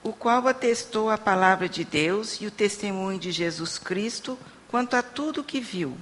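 A woman interprets a sermon into Portuguese and reads scripture aloud at a steady, measured pace. Her voice sits at medium pitch. The recording has long hall reverb and faint room noise.

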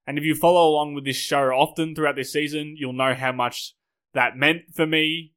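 Hoarse, upbeat male podcast host. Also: a little high, steady tone, moderate pace, fairly bright tone. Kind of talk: scripted podcast talk.

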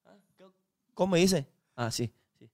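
A man's voice: on the high side, animated, unhurried, dark tone. A young Chinese man chatting as a guest in broken, slangy Spanish full of restarts. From China. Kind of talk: casual interview chat.

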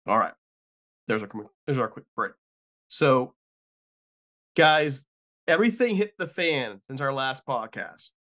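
Casual podcast host guy, mid-pitched, talks loose and chatty. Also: very animated, a little slow, pauses often, a bit bright. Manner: chatty, loose, self-correcting. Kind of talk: casual sports podcast chat.

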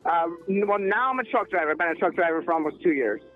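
A man's voice: a little high, animated, fast, faint music behind. Hesitant man in his thirties on a phone line. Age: 30s. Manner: hesitant, lots of uh. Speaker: caller. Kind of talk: casual phone call to radio show.

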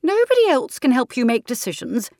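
A woman voicing a level-headed, no-nonsense aunt who speaks in a brisk, firm and plain way. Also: sits high, huge pitch swings, darkish tone, no echo, studio quality, voice pushed up, heavily acted.

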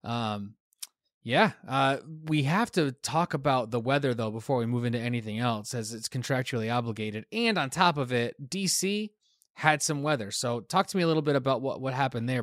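A tired man hosts a casual podcast at a medium pitch, recorded close and dry with no room sound. He laughs easily and fills pauses with ums and uhs as he chats. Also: no echo. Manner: laughs often, filler-heavy, relaxed. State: tired from a newborn. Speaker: podcast host. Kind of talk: casual chat.

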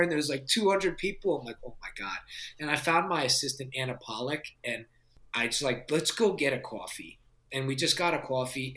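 A man's voice: mid-range voice, reverberant. A man, a film director, telling stories in a casual interview with lots of laughter and fillers. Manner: animated, laughing storyteller with many fillers.

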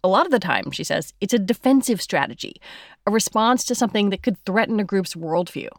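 A woman's voice: mid-range voice, animated, brisk, creaky, no echo, studio quality. A woman with an American accent hosting a podcast, moving between scripted narration and interview questions. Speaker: podcast host.

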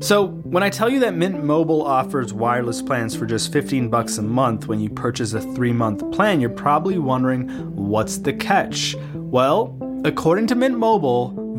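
A man hosting a podcast, reading scripted introductions and sponsor copy. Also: medium pitch. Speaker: podcast host. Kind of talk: scripted narration and ad reads.

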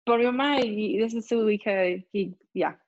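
Woman, American accent, native English speaker, animated storyteller, dull muffled sound. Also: medium pitch, moderate pace, dry recording. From United States. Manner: animated, acts out voices in her story. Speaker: guest. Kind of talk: storytelling in an interview.

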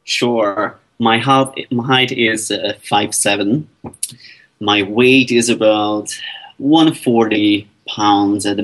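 A man, a guest answering interview questions in a friendly, relaxed way, thinking aloud as he talks. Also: fairly low pitch, poor audio. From Hungary. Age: 20s.

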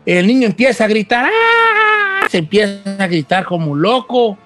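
A man telling a spooky folk legend in a casual, animated, folksy way with chatty asides. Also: sits high, moderate pace, soft background music. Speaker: storyteller host.

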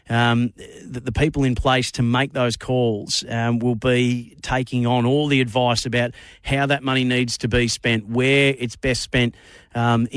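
An Australian man works as a radio host on sports talkback. His pitch sits in the middle for a man. The sound is very dry, with no room around it. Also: no room sound.

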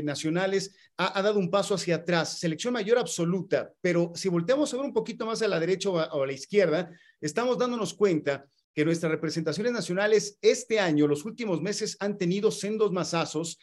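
A man's voice: high-pitched, fairly quick, few pauses. A Mexican man hosting a sports show, setting up questions with formal wording and some hesitant fillers. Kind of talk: sports talk host questions.

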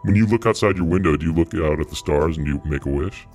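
A man's voice: quick pace, a little mellow, faint music behind. A man hosting a prank call show through a voice changer, teasing a caller with goofy tangents. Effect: voice changer, deep morphed voice. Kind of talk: mocking prank phone banter.

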